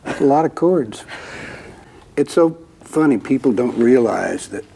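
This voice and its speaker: An older man hosting a casual interview, reminiscing in an animated way with lots of "I mean". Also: medium pitch, measured pace, slight background noise. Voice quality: gravelly, husky. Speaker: host.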